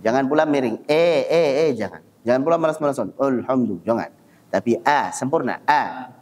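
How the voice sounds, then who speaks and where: A man teaching Quran recitation rules, drawing sounds out slowly to demonstrate and then explaining briskly. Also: medium pitch, animated. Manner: chants verse lines in a measured recitation. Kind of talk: tajwid lesson with slow demonstrations.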